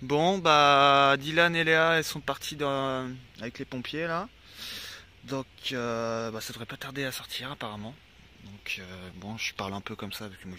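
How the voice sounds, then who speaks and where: A man vlogging casually to his viewers outdoors, excitable, swearing often and talking to his dogs. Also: mid-range voice. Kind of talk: casual vlog talk to viewers. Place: outdoors by a road, then at a van with dogs. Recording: noisy outdoor vlog recording.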